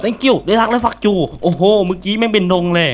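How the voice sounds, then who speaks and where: A young man hosting a casual game let's-play, excitable, swearing and chatting to the animals in the game. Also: sits high, brisk, a crowd in the background. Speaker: gaming channel host.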